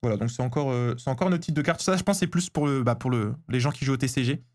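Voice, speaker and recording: A man streaming live as he opens trading cards, chatting casually, getting excited and answering his chat. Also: medium pitch, fast.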